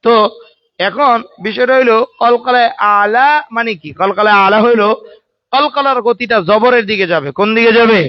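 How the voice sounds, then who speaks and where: During a Quran recitation class, the male religious teacher has students respond aloud while he adds casual, joking remarks. He speaks at a normal speed in a very high-pitched voice, and the lo-fi recording sounds dry and dull.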